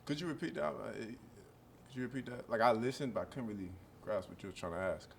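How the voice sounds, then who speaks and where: This early-twenties college football player fields press questions loosely, wandering and leaning on fillers. He talks fast at a medium pitch with vocal fry, over faint hiss or hum.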